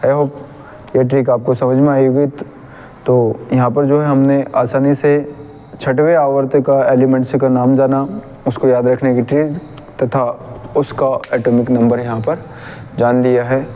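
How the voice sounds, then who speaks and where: A man's voice: medium pitch, level tone, unhurried, warm tone, a little hiss or hum, rough recording. A man with a Hindi accent teaching chemistry, patiently repeating a memory trick and correcting his own slips.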